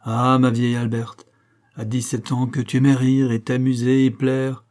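A man voicing a gentle, pensive woman who questions her sister tenderly, in a read-aloud story. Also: medium pitch, completely flat delivery, normal speed, close to an everyday voice. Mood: gently probing. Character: aging woman, gentle, probing older sister.

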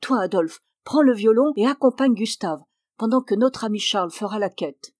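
A woman reading a storybook voices an eager, generous young male music student who speaks in a lively, rousing, raised voice. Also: medium pitch, moderate pace, no room sound, studio quality, lightly acted.

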